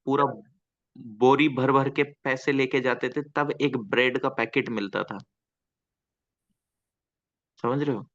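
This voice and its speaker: A man's voice: medium pitch, steady tone, slow pace, long pauses, a bit bright. A male teacher giving a classroom lecture, often asking the students questions and repeating himself to coax answers. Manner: asks students questions, coaxing and repetitive. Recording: slightly dull lo-fi sound.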